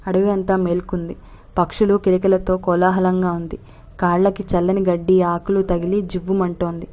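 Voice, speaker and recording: A woman narrating a story as an audiobook reader, calm and steady, in a dull lo-fi recording. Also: fairly low pitch.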